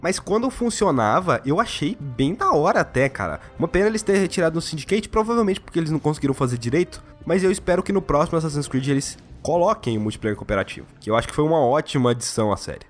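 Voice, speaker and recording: A young man with a Brazilian accent rattles through a casual game review at a rapid clip, his voice pitched a little high. He is blunt and opinionated and swears freely. Faint music plays behind him. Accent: Brazilian Portuguese.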